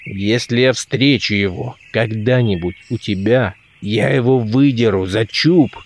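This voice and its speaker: A man reading aloud and voicing a stern, threatening older village headman in a hoarse, low half-voice. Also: steady tone, moderate pace, warm tone, lightly acted. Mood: menacing.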